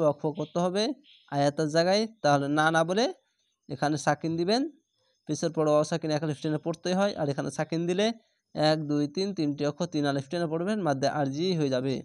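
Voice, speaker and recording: A man with a slightly high voice gives a recitation lesson, spelling out each syllable and restating the rules in a patient, explaining way. He stretches each word out slowly when he recites it whole. The recording is dry and close, with no room sound. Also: dry recording. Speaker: Quran reading teacher.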